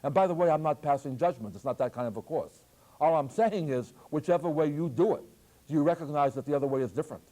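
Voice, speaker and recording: An older man, a math professor, giving a lively, joking classroom lecture on algebra. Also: a little high, fast talker. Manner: lively, jokey, plays with voice inflection. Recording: archival taped lecture.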